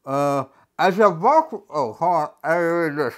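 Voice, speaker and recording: A woman's voice: sits low, expressive, unhurried. A woman hosting a casual unboxing vlog, talking with a mouthguard in, playful and jokey as she reads instructions aloud. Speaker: unboxing video host.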